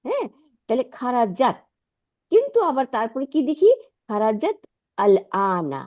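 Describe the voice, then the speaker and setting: A woman's voice: fairly high pitch, huge pitch swings, unhurried, lo-fi sound. A woman teaching an Arabic lesson online, patiently repeating words and checking that her student follows.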